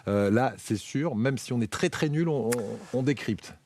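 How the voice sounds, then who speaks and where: A man hosting a chatty broadcast interview, with halting phrasing and lots of filled pauses. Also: mid-range voice, animated, darkish tone. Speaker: broadcast show host interviewing a guest.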